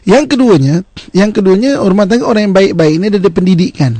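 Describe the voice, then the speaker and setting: A man's voice: sits high, animated, fast talker, dark tone, dry recording. A man with a Malaysian Malay accent, a religious teacher giving a radio talk on family life, laying out numbered points and tagging them with "kan?". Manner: explains in numbered points, with rhetorical "kan?" tags.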